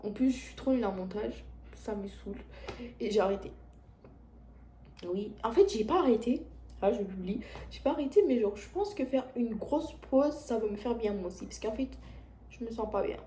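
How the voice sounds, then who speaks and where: A teenage girl with a French accent rambles through a confessional vlog, restarting sentences and leaning on fillers. Her voice is soft and mellow. The room around her sounds roomy and echoey, with a faint background hiss. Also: a little high, moderate pace. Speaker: vlogger. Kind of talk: casual confessional vlog chat. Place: at home, indoors.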